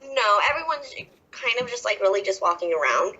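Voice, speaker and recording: Bright-voiced young Southern woman, gushing. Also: medium pitch, animated, brisk, breathy edge. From American South. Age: 20s. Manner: gushing, emotional, laughs often. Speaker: wrestler guest. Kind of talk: casual podcast interview. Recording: dull lo-fi podcast audio.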